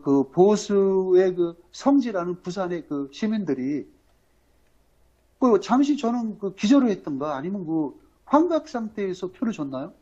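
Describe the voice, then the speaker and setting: A man from Incheon hosting a political livestream, talking in a rambling, halting way full of fillers and emphatic rhetorical questions. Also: high-pitched, darkish tone. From Incheon, South Korea. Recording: dull lo-fi audio.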